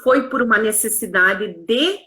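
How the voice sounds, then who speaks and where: A woman's voice: on the high side, animated, unhurried, sharp tone. A woman, a pharmacist and consultant, explaining her work earnestly in a live-stream conversation. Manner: earnest, explanatory, uses tag questions. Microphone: online live stream.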